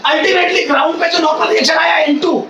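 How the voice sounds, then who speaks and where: A male physics teacher giving a classroom lecture in a loud, near-shouting voice, repeating phrases and quizzing his students. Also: very high-pitched, fairly even intonation, brisk. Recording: echoey classroom, mic far off, faint hiss.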